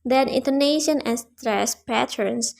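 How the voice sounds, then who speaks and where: A young woman student giving a prepared class presentation, reading in a careful, measured way with small slips. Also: high-pitched, creaky. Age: young adult.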